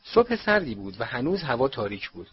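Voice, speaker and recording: A man narrating a storybook at a measured pace, his voice at a middle pitch for a man. The recording is dull and lo-fi, with a faint hiss underneath. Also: big pitch swings. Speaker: audiobook narrator.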